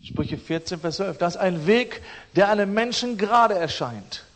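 High-voiced German preacher in a hall. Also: male voice, animated, normal speed. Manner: emphatic, swings between loud declarations and quiet asides. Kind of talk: sermon.

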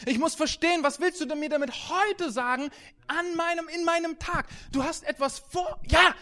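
High-voiced animated preacher. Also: male voice, normal speed. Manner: animated, swings between soft and loud, storytelling. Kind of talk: sermon with anecdotes.

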